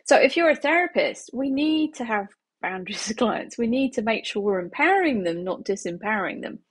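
A woman in her thirties talks straight to camera from a small living room, chatty and quick to laugh as she explains her view as a healing practitioner. Her voice sits a little high, swinging up and down with lively intonation, and carries a slightly husky edge. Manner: chatty, laughs often, gestures with hands. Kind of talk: casual talk to camera.

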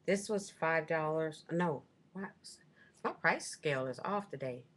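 A woman's voice: sits low, a little slow, fairly bright tone. A middle-aged woman in a small room at home, chatting into her webcam as she shows off things she bought, rambling and correcting herself as she goes. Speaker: vlogger. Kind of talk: casual shopping haul show-and-tell. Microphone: webcam at desk.

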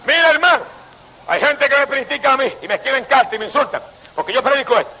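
Fiery high-voiced preacher, older man. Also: lively intonation, rapid-fire, vocal fry, husky, low-quality recording. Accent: Puerto Rican Spanish. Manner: impassioned, pleading, shouting out praises. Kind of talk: fiery revival sermon.

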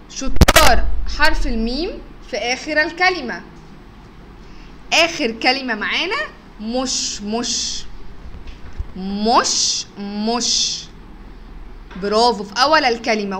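A woman with an Egyptian Arabic accent, teaching a phonics lesson to young children. She stretches words out slowly to sound out letters and praises the class often. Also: high voice, sharp tone, a little hiss or hum. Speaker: kindergarten teacher.

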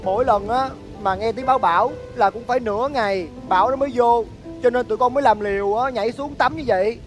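Excitable young local, very high voice, rambling and scolding. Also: male voice, fast talker, faint music behind. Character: excitable young local man, rescued from a storm. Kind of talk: TV comedy skit.

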